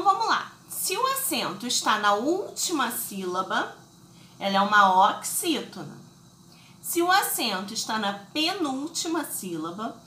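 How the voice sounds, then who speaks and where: A woman's voice: on the high side, bright, forceful tone, echoey room, slight background noise. A woman teaching children a recorded lesson, explaining patiently step by step and checking in often. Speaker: schoolteacher.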